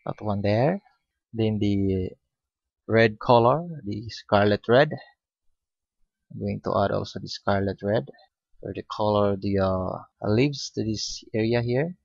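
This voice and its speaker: A man giving a step-by-step painting lesson, speaking unhurriedly with many pauses and fillers. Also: fairly low pitch, creaky, no echo. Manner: unhurried, hesitant with frequent fillers. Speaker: painting instructor. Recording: dull lo-fi recording.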